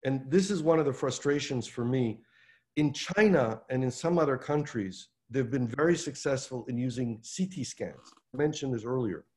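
Older man hosting a video-call town hall. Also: medium pitch. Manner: animated, gestures with his hands, fast bursts. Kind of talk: explanatory advocacy talk. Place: home room by a window. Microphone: video call webcam.

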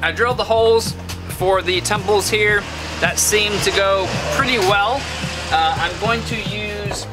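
Over music, a man with a high-sitting voice casually and unhurriedly talks through a bone carving project in his workshop. He thinks aloud with many "um"s and sounds upbeat when things work.

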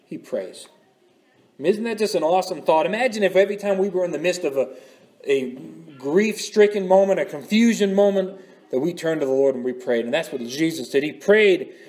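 A male pastor giving an earnest sermon, explaining scripture with emphatic rises. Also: high voice.

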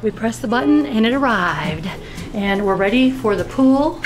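A middle-aged woman vlogging casually, talking excitedly while walking around a cruise ship with a handheld camera. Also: on the high side, normal speed, over music, poor audio. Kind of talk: casual travel vlog. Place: cruise ship decks and corridors. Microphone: handheld camera at arm's length.

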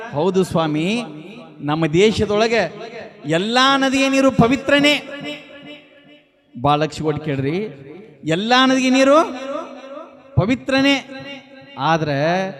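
A man, telling folk tales on stage, repeating lines and quizzing the audience. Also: sits high. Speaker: folk humorist speaker.

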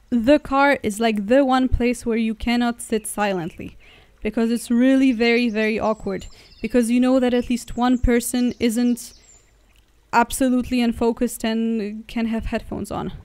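A woman's voice: on the high side, steady tone, a little slow, darkish tone, clean tone, dry recording. Chatty young woman vlogging from a car. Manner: chatty, rambling, self-correcting. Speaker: travel vlogger. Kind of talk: casual vlog narration. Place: inside a car driving through woods.

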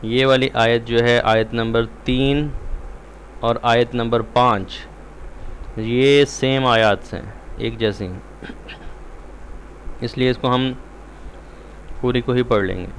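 A man teaching a Quran recitation lesson. He explains the rules quickly and recites the words slowly, drawing them out. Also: medium pitch, steady tone, slight background noise. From Pakistan.

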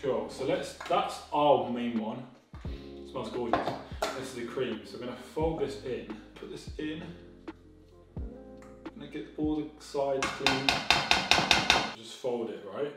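A man's voice: mid-range voice, takes it slowly, pauses often, far from the mic. A young man cooking while chatting to the camera, swearing and mocking himself as he goes. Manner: sweary, chaotic, self-mocking running commentary. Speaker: vlogger cooking a dinner-party meal. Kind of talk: casual cooking vlog chat. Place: home kitchen. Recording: echoey kitchen, voice off-mic, faint music.

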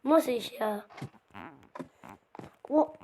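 A woman with a hoarse voice giving casual game commentary, chatting to her viewers and to the game's characters as she plays. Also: high voice, drawn-out words, background noise. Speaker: gameplay video host.

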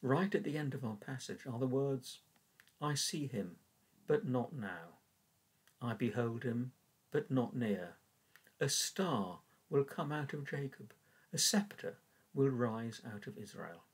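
Older English church warden, husky, measured devotional reading, webcam in small room. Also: male voice, mid-range voice, animated, rough recording. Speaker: church warden leading prayers. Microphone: webcam at desk.

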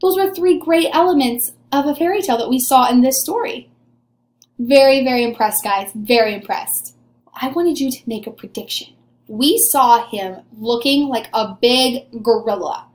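A woman in her twenties, teaching early elementary kids, delivers an animated read-aloud at a moderate pace in a high-pitched voice. She encourages them with questions, then answers as though the pupils had chimed in. Her voice is reverberant, caught by a webcam or camera at desk distance inside a small room.

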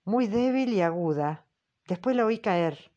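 A woman's voice: mid-range voice, expressive, unhurried, muffled recording, close to an everyday voice. Woman reading a frightened young witness. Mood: fearful. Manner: hesitant, soft, answers briefly. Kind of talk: audiobook character reading.

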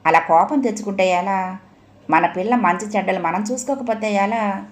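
A woman's voice: mid-range voice, normal speed, natural voice. Brief: woman doing an anxious, pleading middle-aged mother for an audio story. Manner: coaxing, pleading.

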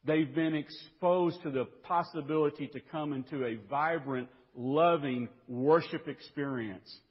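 A man preaching a sermon as pastor, reading scripture in a measured way and building to raised, emphatic passages. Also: a little high, breathy edge. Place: church sanctuary. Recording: dull lo-fi recording in a reverberant church.

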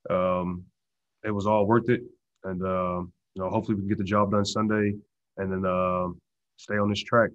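A young man answering press questions in a relaxed way, full of "you know" fillers. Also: deep voice, moderate pace, dry recording. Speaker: football player answering press. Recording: dull lo-fi video call audio.

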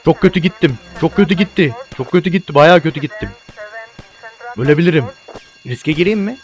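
A man giving casual, excitable gameplay commentary as a let's play gamer, swearing and talking to his viewers as friends. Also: fairly high pitch, brisk, soft background music.

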